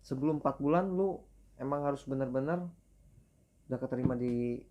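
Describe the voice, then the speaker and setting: A man's voice: medium pitch, moderate pace, mellow, muffled recording. A man co-hosting a casual chat in a laid-back, slangy, matter-of-fact way. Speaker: co-host.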